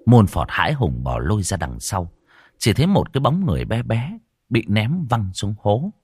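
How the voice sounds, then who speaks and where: A man narrates an audiobook story in a deep, low voice with a lively, expressive delivery. His pitch rises and falls a great deal. The recording is dry and close. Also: normal speed, husky, dry recording.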